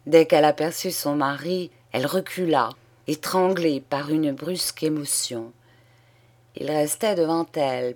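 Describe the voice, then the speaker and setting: A woman reading a classic short story aloud as an audiobook, with measured, deliberate narration. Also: deep voice, a little mellow. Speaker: audiobook reader.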